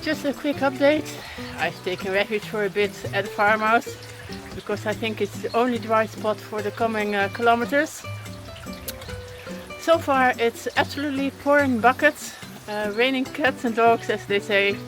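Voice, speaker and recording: A woman's voice: a little high, normal speed, music in the background, poor audio. Chatty woman vlogging on a hike. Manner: chatty, frequent "uh" fillers, self-deprecating. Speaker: hiking vlogger. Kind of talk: casual vlog narration while hiking. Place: outdoors on a mountain trail in rain.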